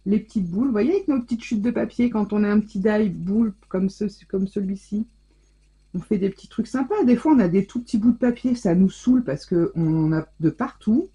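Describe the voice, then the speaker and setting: A woman scrapbooking vlogger chats casually through an unboxing, exclaiming over every little thing. Her voice is mellow and warm, with a soft huskiness. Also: medium pitch, a little fast, husky, rough recording. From France. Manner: gushing, chatty, exclaims over each item.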